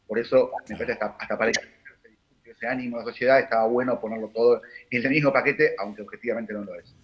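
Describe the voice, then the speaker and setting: A man with a Rioplatense Argentine accent, a political analyst giving measured, analytical answers on a panel, with frequent fillers and restarts. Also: medium pitch, steady tone, dull audio. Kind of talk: broadcast panel discussion.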